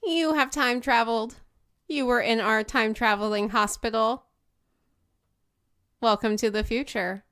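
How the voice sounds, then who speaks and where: A woman voicing a polite, overly helpful male robot newsstand attendant from the future, speaking slowly and evenly. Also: a little high, steady tone, a bit bright, smooth, voice pushed up. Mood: calm, helpful. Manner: slow, measured, overly helpful.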